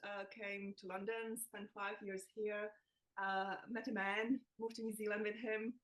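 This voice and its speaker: Guesting on a podcast, a nutritionist from the Czech Republic is chatty and self-deprecating in a casual interview, laughing as she speaks. Her medium-pitched, fairly bright voice has little pitch movement and a slightly slow pace, captured in a rough recording.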